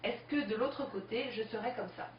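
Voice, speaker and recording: A woman co-host reading out listener questions in a measured, plain way. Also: on the high side. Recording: distant, echoey, dull lo-fi with faint hiss.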